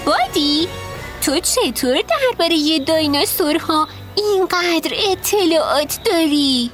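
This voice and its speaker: A woman's voice: very high-pitched, animated. A woman voicing a curious little girl dinosaur who keeps asking questions, in storybook dialogue over music. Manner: asks eager, wondering questions. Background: background music.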